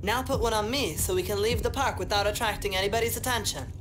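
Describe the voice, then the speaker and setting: A woman's voice: mid-range voice, fast, close to an everyday voice. A woman doing a lisping cartoon dog guy. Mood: scheming. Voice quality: lisp. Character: lisping male dog, colorful odd character.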